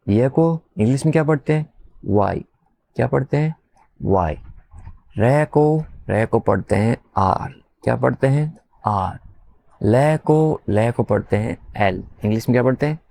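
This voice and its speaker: Man, teacher, slow and deliberate, dry close sound. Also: medium pitch, gravelly, darkish tone, no room sound. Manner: asks questions, then repeats the answer himself; spells letter by letter in a slow sing-song. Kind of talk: classroom lesson.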